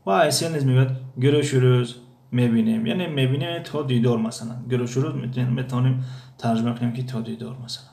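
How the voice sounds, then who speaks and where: A man teaching a language lesson from a textbook, explaining phrases with many hesitations and slow repetitions. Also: mid-range voice, gravelly, dark tone. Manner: hesitant, many pauses and fillers, repeats phrases slowly. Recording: echoey room.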